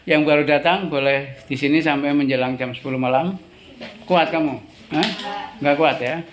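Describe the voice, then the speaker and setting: A man from Indonesia teaching an English lesson, explaining step by step and slowing down for English example sentences. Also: a little high, steady tone. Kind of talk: classroom lesson.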